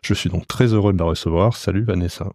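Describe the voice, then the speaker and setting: A man hosting a podcast interview, talking in a relaxed conversational way with some fillers. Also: low-pitched, fast talker, no room sound, studio quality. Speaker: podcast host.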